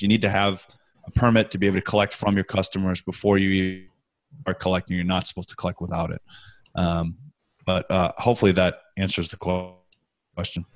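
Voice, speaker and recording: A man answering questions as a guest expert over a remote conference call line that keeps breaking up, explaining steadily with frequent pauses and "um"s. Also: low-pitched. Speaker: sales tax software guest expert.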